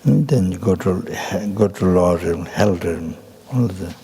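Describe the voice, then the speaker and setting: An older man from Nepal, giving a Buddhist teaching in a halting way full of fillers and restarts. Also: sits low, animated, warm tone, slightly rough. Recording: hall reverb.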